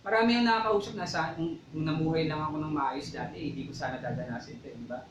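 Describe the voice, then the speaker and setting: Speaking quickly in a fairly high voice, this male church talk show co-host keeps things conversational, repeating "di ba" and urging on his "mga kapatid" with preachy asides during casual faith talk. The audio is poor, with room echo and slight background noise.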